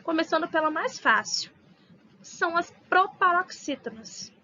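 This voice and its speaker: Woman teacher, Brazilian accent, high bright voice, stretched-out syllables, slightly dull lo-fi recording. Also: animated, unhurried, slight background noise. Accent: Brazilian Portuguese. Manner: didactic, drawing out syllables and repeating example words. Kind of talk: recorded online Portuguese lesson.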